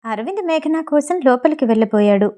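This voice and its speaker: Brief: woman audiobook narrator, fairly high voice, warm and mellow, steady storytelling. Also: fairly quick. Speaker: audiobook reader. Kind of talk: scripted novel narration.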